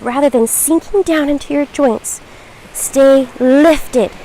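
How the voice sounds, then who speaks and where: High-voiced woman leading yoga. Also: mellow, a little hiss or hum, poor audio. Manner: encouraging, reassuring, measured cueing. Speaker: yoga instructor. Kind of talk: guided yoga class instruction.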